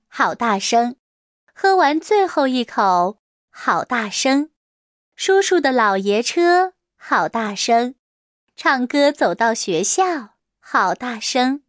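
Slow sing-song woman reading a storybook. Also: fairly high pitch, dry recording, studio quality. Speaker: storybook reader. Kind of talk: children's picture book read-aloud.

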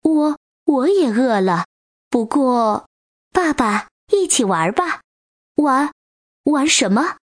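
A woman's voice: sits high, very animated, slow, dry recording, studio quality, pitched above the performer's own voice, full character voice. A woman voicing a male tyrannosaurus in a children's storybook, a bewildered new father who stammers and sounds flustered.

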